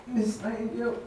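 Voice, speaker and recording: Wounded young soldier played by a male stage actor: weak, gasping, halting, homesick. Muted tone, distant and very echoey. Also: sits high, dark tone, a little hiss or hum. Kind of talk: stage musical play dialogue. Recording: echoey stage, distant mic, faint music.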